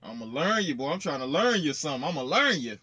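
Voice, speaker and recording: A very animated young trucker in his twenties talks fast to his viewers from his small parked truck cab, phone camera held close. His slightly high voice is sharp and a bit rough, the recording dry, and his chat is slangy, playful and casual.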